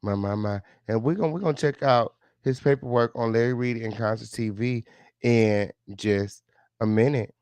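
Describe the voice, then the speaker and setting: A man's voice: mid-range voice, moderate pace, darkish tone, clear, resonant tone, no echo. Male gossip stream host, dry close sound, smug sarcastic exposé tone, sassy repeated catchphrases. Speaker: livestream host reacting to clips. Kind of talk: casual gossip livestream commentary.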